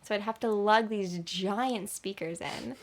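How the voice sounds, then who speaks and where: A woman's voice: mid-range voice, unhurried. A young woman, a musician guest on a podcast, talking casually and hesitantly with lots of fillers and laughs. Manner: hesitant, many likes, giggly. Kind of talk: casual chat.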